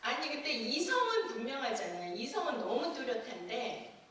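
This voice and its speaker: A woman pastor preaching a sermon, telling a personal testimony with lively acted-out scenes and frequent laughter. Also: sits high, normal speed, background noise. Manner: animated testimony storytelling, acting out scenes, laughing often. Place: church sanctuary. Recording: echoey church from far off.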